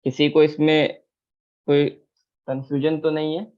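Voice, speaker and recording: A man's voice: a little high, little pitch movement, a little slow. A man teaching a chart lesson, patient, repeating key terms and asking if anyone is confused. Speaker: trading teacher. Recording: tinny phone-like audio.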